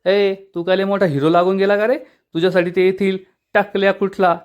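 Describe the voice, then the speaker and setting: A scheming, quick-tempered old woman scolds in snappy retorts, as a man reads her part. The voice sits high. It is delivered in plain storytelling fashion, as a quoted line in a spoken recap. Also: flat delivery, clear, resonant tone, close to an everyday voice. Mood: scolding. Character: feisty old woman, sharp-tongued and scheming.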